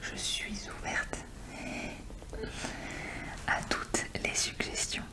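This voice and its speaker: Whispering extremely slowly into the listener's ear, an ASMR video creator uses a breathy, unvoiced tone. She presents things in a relaxed, chatty show-and-tell manner, all soft and intimate.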